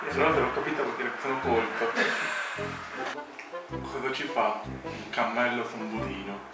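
A man's voice: medium pitch, normal speed. A young man casually delivering one-line jokes, amused and trying not to laugh. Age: young adult. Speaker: contestant in a joke challenge. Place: home kitchen, indoors at a table. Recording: echoey room, distant mic, music behind.

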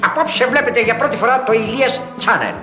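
A man's voice: very high-pitched, lively intonation. An actor playing a cheeky young man who jokes his way through a TV debut, in 1980s film comedy style. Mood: jokey presenter. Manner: playful, cracks jokes. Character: joking novice TV presenter, cheeky man. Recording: roomy film soundtrack with loud music.

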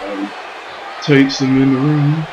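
A man doing play-by-play wrestling commentary on a video game match, with exclamatory, drawn-out calls. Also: mid-range voice, level tone, highs cut off. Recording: music and crowd noise behind. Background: game crowd and music.

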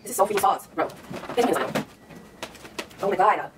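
A young woman vlogger with a medium-pitched voice speaks at a moderate pace over a noisy background, chatting casually while unboxing gifts in a room at home she is moving into. She is bubbly and slangy, full of "like" fillers, and at times out of breath. The camera mic picks her up from a distance in an echoey, empty room.

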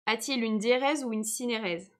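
A woman's voice: on the high side, moderate pace. Patient young woman teaching a live lesson. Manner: patient, checks in often with viewers. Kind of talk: live online French lesson.

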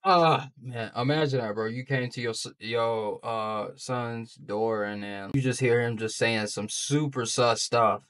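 A man's voice: medium pitch, a little slow, hardly any pauses, fairly bright tone. A young American man giving casual reaction commentary as a video host, close on a desk microphone. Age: young adult. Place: indoor home streaming setup. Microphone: close desk microphone with headset.

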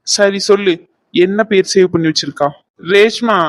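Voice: mid-range voice, normal speed, dry recording, lightly acted. A voice actor plays a tied-up cartoon villain, a braggart who has turned into a whining coward. He grumbles and begs in a comic way, and the sound is dry and close. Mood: whiny. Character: captured boastful villain man, whiny coward.

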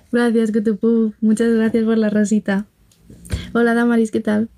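A woman's voice: fairly high pitch, little pitch movement, slow, mellow. A young woman from Spain with a Barcelona accent, chatting casually on a phone livestream, telling gossipy stories, laughing often and greeting viewers. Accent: Spanish from Barcelona. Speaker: livestream host. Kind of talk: casual livestream chat, reading comments.

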